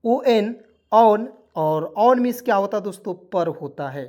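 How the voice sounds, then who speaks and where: A man's voice: high voice, animated, a little slow, a little mellow. A man hosts a casual video lesson as a patient, repetitive teacher. He calls his viewers friends in nearly every sentence. He breaks each word into letters and quizzes the audience before giving the answer. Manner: addresses viewers as friends constantly, asks questions then answers them; spells words letter by letter, repeats key points. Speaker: English teacher and channel host. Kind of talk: spoken video lesson with motivational asides.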